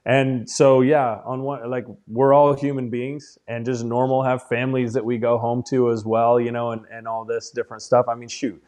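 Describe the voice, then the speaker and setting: A man's voice: mid-range voice, little pitch movement, moderate pace, few pauses, a little mellow. A man in his thirties, a former pro football player, chatting casually as an interview guest, easygoing and restarting his phrases.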